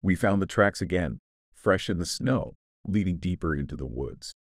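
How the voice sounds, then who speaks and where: A man's voice: sits low, expressive, moderate pace, no room sound, clean studio sound. A man giving a scripted first-person horror narration, grave and suspenseful in his storytelling.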